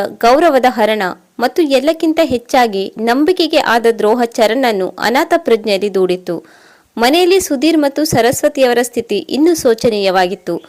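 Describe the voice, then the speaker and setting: Female narrator, a touch high-pitched, even scripted storytelling for an emotional audio story.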